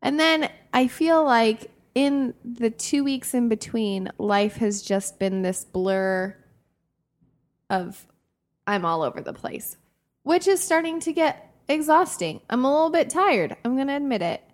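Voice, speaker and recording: A young woman co-hosting a podcast tells personal anecdotes in a slangy, self-deprecating style, acting out the remarks she quotes. Her slightly high voice is animated, at a measured pace.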